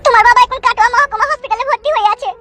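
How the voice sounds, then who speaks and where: A woman doing a shrill nagging village mother. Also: very fast, loud music behind the voice. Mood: fretful. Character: nagging older village mother, scolding and fretful.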